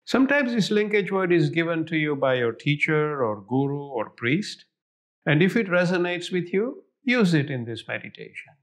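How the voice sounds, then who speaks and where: A man leading a guided meditation in a calm, soothing, unhurried manner with long pauses and a gravelly fry in his voice. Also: fairly high pitch.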